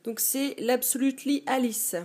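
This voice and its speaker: A woman's voice: high voice, fairly even intonation, normal speed, a little mellow. Chatty young woman vlogging from her bedroom. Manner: chatty, hesitant, many fillers. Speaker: beauty vlogger. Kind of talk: casual show-and-tell. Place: dim bedroom.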